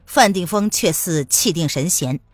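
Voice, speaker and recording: A woman narrating a martial-arts novel in an expressive storytelling manner. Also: fairly low pitch, measured pace, no echo, soft background music.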